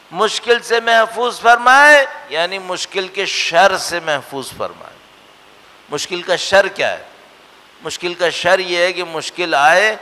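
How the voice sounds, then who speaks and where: Earnest preacher, bright voice in a hall. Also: male voice, sits high. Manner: earnest, rhetorical questions, swings between emphatic and hushed. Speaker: religious lecturer. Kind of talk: religious lecture. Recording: long hall reverb.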